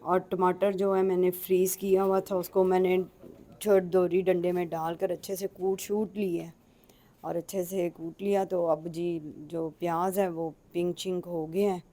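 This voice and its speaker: A woman's voice: lowish voice, level tone, a little slow, warm tone. A middle-aged woman with a Punjabi accent, chatting in a folksy way as a home cook in a casual cooking vlog and addressing viewers politely.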